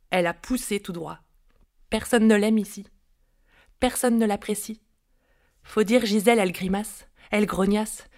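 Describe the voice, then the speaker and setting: A woman tells a tale aloud with a rhythmic, playful delivery and shifting tempo. Her voice sits fairly high. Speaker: storyteller. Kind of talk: spoken storytelling.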